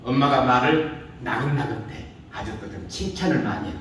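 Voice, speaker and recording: A middle-aged man leads a speech class in a relaxed lecture, ribbing his students with rhetorical questions in casual banter. His mid-range voice is a bit bright and moves at a moderate pace. Recorded from afar in an echoey room, the clip carries slight background noise.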